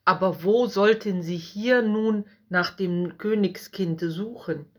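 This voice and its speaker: A woman reading a storybook aloud in a gentle, measured way. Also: medium pitch. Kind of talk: scripted storybook narration.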